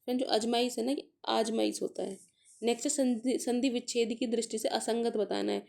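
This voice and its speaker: Mellow-voiced woman teaching grammar. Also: a little high, steady tone, creaky. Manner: explains by sounding out letters and words slowly; mixes English words into explanations. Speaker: exam prep teacher. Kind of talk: casual Hindi grammar lesson.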